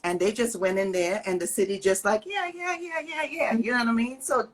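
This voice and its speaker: Talking fairly quickly in a fairly high voice, a middle-aged Trinidadian-accented woman co-hosts a casual livestream over a video call. She owns a cannabis business and sounds blunt and frustrated.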